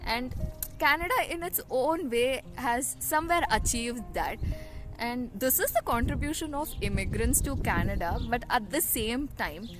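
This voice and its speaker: High-voiced Indian woman with Kannada accent, music behind. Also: lively intonation, moderate pace. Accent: Indian, Kannada-influenced. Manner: conversational, frequent "you know" and "right" tags. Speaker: vlog host. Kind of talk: casual explanatory chat to viewers. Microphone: camera or phone built-in, no external mic. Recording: music behind, no dedicated microphone.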